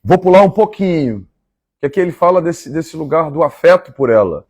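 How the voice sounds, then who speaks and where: A man from Minas Gerais with a Mineiro Brazilian accent, reading a novel aloud on a live stream and pausing for chatty asides. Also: a little high, lively intonation, darkish tone, husky, dry recording. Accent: Mineiro Brazilian Portuguese. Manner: measured, repeats favorite lines and chats between passages.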